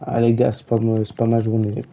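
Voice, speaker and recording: A man's voice: on the low side, completely flat delivery, fairly quick, warm tone, low-quality recording. A man streaming a football video game, chatting with friends in slangy, teasing, mock-outraged asides and calling the match like a mock commentator.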